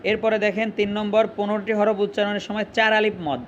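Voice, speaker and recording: High-voiced male Quran teacher. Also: level tone, dull audio, slight background noise. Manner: asks questions and answers them himself, drawn-out letters. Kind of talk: online Quran lesson.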